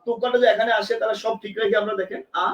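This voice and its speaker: A man's voice: high voice, little pitch movement, rapid-fire, reverberant, lo-fi sound. A man with a Bangladeshi Bengali accent teaching a live exam-prep lesson, repeating points and quizzing students with questions. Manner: emphatic, urges attention.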